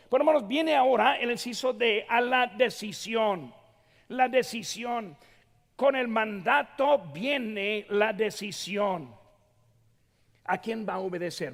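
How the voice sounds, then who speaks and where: High, gravelly-voiced preaching man. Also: big-room sound. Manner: emphatic preaching, often addressing the congregation directly. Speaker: pastor. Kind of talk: sermon. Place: church sanctuary.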